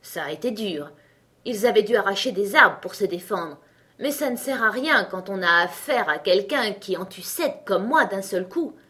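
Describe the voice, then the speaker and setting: A woman's voice: mid-range voice, expressive, normal speed, pushed and bright. Woman doing a boastful little tailor. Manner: cocky, swaggering bragging.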